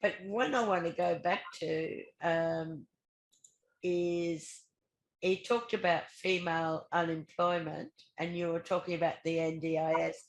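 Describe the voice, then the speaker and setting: A woman's voice: lowish voice, fairly even intonation, a little slow, roomy sound. An Australian woman co-hosting a casual chat about the federal budget, reading out figures and reacting to them. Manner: chatty, laughs at the figures, reads out numbers. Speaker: co-host. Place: regional home.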